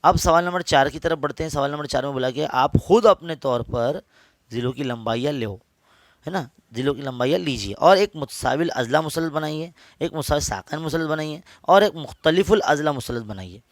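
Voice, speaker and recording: A man's voice: a little high, animated, brisk, no room sound. A man with an Urdu accent, a maths teacher patiently explaining geometry step by step to students, repeating each point.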